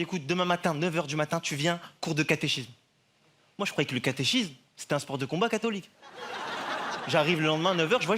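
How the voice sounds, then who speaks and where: A male stand-up comedian telling a story on a TV studio stage in an animated, chatty way, laughing along as he goes. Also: high voice. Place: TV studio stage with live audience. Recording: loud audience laughter and noise.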